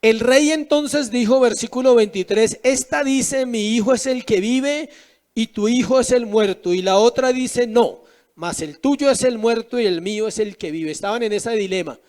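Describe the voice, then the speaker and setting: A man's voice: very high voice, moderate pace, a little mellow. A man preaching a sermon as pastor, asking rhetorical questions with emphatic rises and drops.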